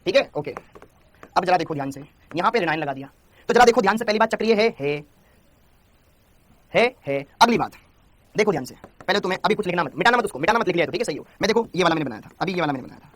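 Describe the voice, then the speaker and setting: Rapid high-voiced male chemistry teacher. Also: lively intonation, fairly bright tone. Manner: rapid, repetitive, coaxing students to answer. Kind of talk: Hindi classroom lecture.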